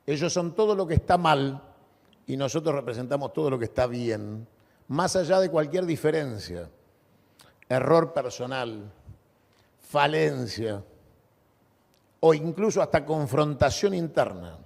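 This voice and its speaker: Male Argentine political orator: booming balcony delivery, rousing and declamatory, creaky grain, big reverberant venue. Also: expressive, a little mellow. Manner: booming balcony speech, declamatory with dramatic pauses and repetition. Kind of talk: rousing political rally speech. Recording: long echoing reverb of a large venue.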